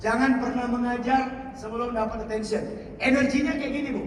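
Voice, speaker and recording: A man leading a seminar for teachers, energetic and drilling them with call-and-response, stretching key words slowly for emphasis. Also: very high voice, slight background noise. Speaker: teacher trainer. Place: school hall. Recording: echoey hall picked up from far off.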